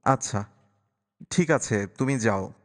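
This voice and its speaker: A man voicing a polite young female schoolteacher who asks gently probing questions. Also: mid-range voice, expressive, slow pace. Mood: curious. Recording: long reverberant echo.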